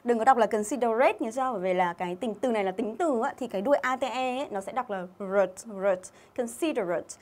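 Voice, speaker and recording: A woman from Vietnam gives a live English review lesson, her voice sitting a little high. She is chatty and keeps calling out viewers' names from the comments between explanations. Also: quick pace, few pauses. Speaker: English teacher. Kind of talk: livestream exam-review lesson.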